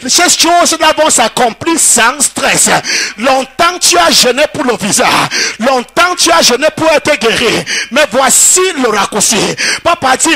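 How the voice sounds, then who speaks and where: High-voiced pastor guy, bright raspy tone, preaching hard and repeating himself. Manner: repetitive, proclaiming, bursts into shouts. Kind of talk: fiery sermon. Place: church hall.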